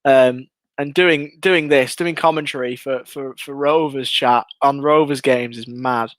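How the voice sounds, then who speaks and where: In an unhurried, mid-range voice, a young Englishman hosts a live fan watchalong, chatty and excitable as he commentates on the match and reads out viewer comments. He's hoarse and losing his voice. There's no echo.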